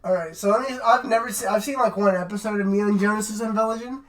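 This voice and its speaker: A man's voice: high-pitched, steady tone, fast. A young man, a podcast co-host, telling a rambling, profane story in casual chat and tagging "right?" onto his sentences.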